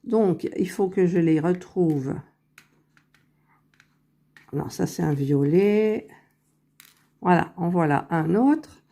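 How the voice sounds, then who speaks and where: A woman talking her way through a crafting tutorial, unhurried and thinking aloud as she works, correcting herself as she goes, close to her phone. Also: on the low side, expressive, dark tone. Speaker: crafting vlogger. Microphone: phone held very close to the face.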